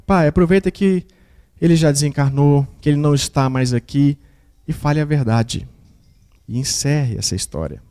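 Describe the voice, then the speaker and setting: A man voicing a grown son who gently reassures his father, in a mellow tone. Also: a little high, expressive, moderate pace, clear, resonant tone. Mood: reassuring.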